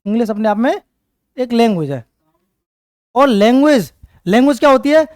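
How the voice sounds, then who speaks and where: A man's voice: extremely high pitch, animated, moderate pace, darkish tone, dry recording. A man teaching for competitive exams, repeating words and questioning students in a call-and-response style. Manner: repetitive call-and-response drilling; writes on a board while explaining. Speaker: English teacher. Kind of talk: exam-prep classroom lecture.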